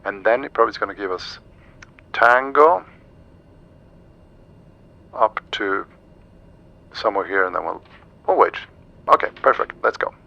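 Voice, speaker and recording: A man's voice: fairly low pitch, expressive, measured pace, vocal fry, pauses often, lo-fi sound. A man streaming a flight simulator, thinking aloud through each step as he gives live commentary and makes pilot radio calls.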